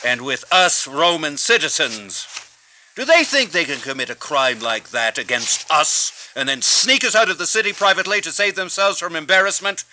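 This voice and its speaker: Man doing a bold apostle, bright lively voice, indignant and preaching. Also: a little high, moderate pace. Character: bold, fiery male apostle, prisoner. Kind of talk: radio drama acting.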